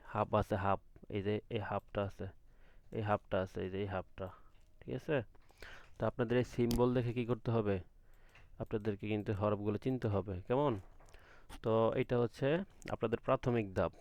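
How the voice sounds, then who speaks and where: A man's voice: fairly low pitch, steady tone, moderate pace, long pauses, a little mellow, no room sound. A man teaching an online Quran class, patiently asking questions and drawing out letter sounds from the throat. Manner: patient, asks the class questions and answers them himself.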